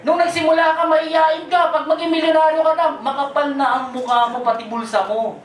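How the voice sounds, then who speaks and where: A presenter giving a sales pitch at a business event, firing quick questions and jokes at the audience. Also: steady tone, a little hiss or hum. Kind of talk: lively sales pitch, mixing Tagalog with English. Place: indoor event hall with a live audience. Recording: echoey event hall, voice far from the mic.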